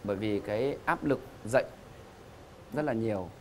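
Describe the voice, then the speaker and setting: A man's voice: on the low side, normal speed. Playful male game show host, noisy studio. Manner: joking, teasing, theatrical emphasis. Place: TV studio stage.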